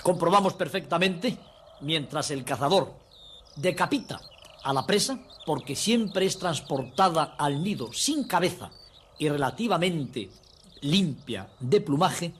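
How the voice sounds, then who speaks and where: A man's voice: on the high side, expressive, unhurried, a bit bright. A man narrates a nature documentary. His delivery is emphatic and didactic, as if teaching friends. The soundtrack is noisy, with birds and crickets behind him.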